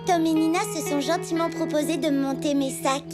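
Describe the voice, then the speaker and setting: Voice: high voice, level tone, a little fast, natural voice. An actor voicing a scheming little boy in a cartoon, imperious and taunting, with a falsely sweet side. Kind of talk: French animated cartoon dubbing. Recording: music behind the voice.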